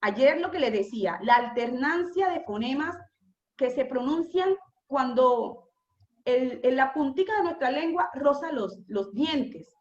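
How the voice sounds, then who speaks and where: A woman teacher giving a classroom lecture, explaining patiently, repeating key terms slowly and asking rhetorical questions. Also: sits high, lively intonation. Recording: echoey room, slightly dull lo-fi sound.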